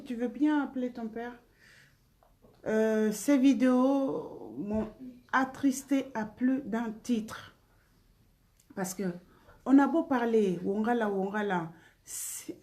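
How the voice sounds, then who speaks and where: A woman's voice: on the high side, mellow. A woman singer hosting a casual live stream, greeting viewers by name and blowing them kisses between remarks.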